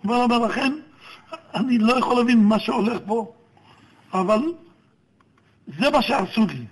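A man's voice: very high voice, husky, rough recording. A man recounting events in a played recording, steadily quoting what others told him.

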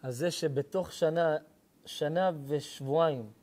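Impassioned preaching rabbi, man, somewhat high. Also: a little mellow. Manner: impassioned, rising to pleading cries. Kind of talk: emotional sermon.

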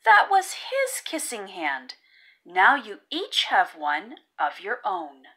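A woman voicing a gentle mother raccoon in a storybook, motherly, patient and reassuring. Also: mid-range voice, huge pitch swings, takes it slowly, full character voice.

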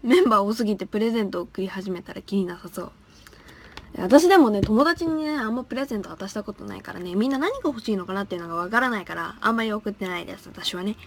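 A woman's voice: mid-range voice, lively intonation, fast talker, background noise. A young woman in her twenties hosting a casual live stream, reading viewer comments aloud, laughing often and stumbling over tongue twisters. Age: young adult. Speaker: live-stream idol host.

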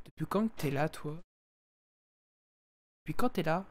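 A man giving live, chatty commentary while playing a game, talking into a headset and often addressing his viewers as ladies and gentlemen. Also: a little high, measured pace. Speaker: let's play streamer.

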